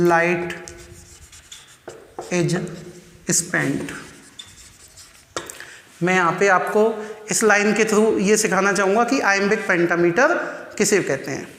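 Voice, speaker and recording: Man teaching with bright, echoing voice. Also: high voice. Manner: drills students with repeated rhetorical questions; slow, emphatic counting and spelling out terms. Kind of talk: exam-prep lecture.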